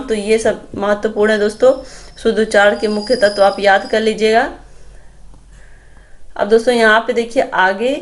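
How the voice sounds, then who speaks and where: A young adult woman teaching an exam-prep grammar lesson, explaining step by step and pointing the listener to examples on slides. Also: mid-range voice. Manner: explanatory, addresses viewers as friends, points at slides.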